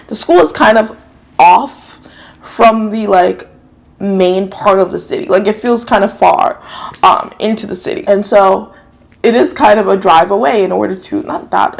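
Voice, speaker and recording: This woman's gravelly, mid-range voice carries a rambling, casual drama review; she lives in New York and Japanese is her first language. Now and then she swears or goes back to correct herself.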